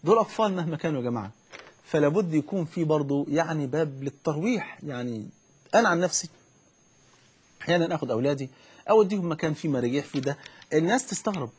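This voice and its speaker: A man's voice: on the high side, expressive, rapid-fire, long pauses, a little mellow, husky. A man with an Egyptian Arabic accent, a preacher giving fervent, fatherly religious advice on a call-in show. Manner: fervent, fatherly, keeps saying "my dear".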